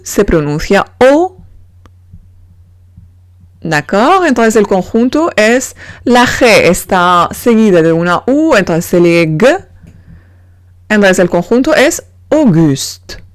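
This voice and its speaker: A woman's voice: mid-range voice, no room sound, clean studio sound. A woman giving a beginner pronunciation lesson, patiently spelling out letters and sounds. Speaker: French teacher.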